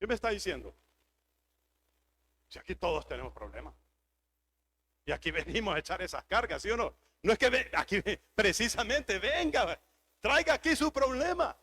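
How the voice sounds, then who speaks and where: A pastor preaching a sermon, driving points home with emphatic repetition. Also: male voice, high-pitched, sing-song, moderate pace, pauses often, pushed and bright, slight background noise.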